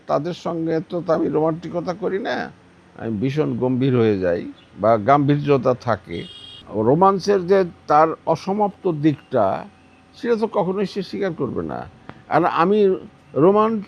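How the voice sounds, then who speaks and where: An older man with a Bangladeshi accent, a former armed fighter being interviewed, recounts personal memories in conversation and repeats phrases emphatically for stress. His voice is fairly high-pitched, gravelly and a little mellow, and the recording sounds dull and slightly muffled.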